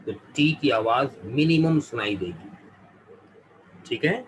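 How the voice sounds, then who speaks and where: Guy teaching vocab online, says each word slow a few times, little bit of room noise. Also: medium pitch, animated, poor audio. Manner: slow, careful pronunciation drills, repeating words. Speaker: English teacher. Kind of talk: live online vocabulary class.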